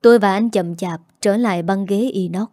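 A woman reading a first-person story aloud in a steady, even way. Her tone is warm and mellow. The recording is dry, with no room sound. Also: mid-range voice, moderate pace, dry recording. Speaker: narrator.

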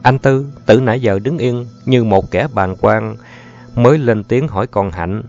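A man narrating a story in a steady, measured reading voice. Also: fairly low pitch. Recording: muffled audio with faint music.

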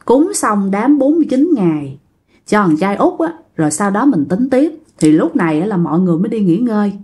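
A woman with a Southern Vietnamese Mekong Delta accent telling a ghost story in a chatty way, addressing her listeners directly. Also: mid-range voice.

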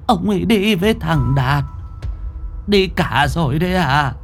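A man's voice: fairly high pitch, expressive, a little slow, soft background music, voice pushed up. A man doing a frail old grandmother. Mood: distraught bewildered.

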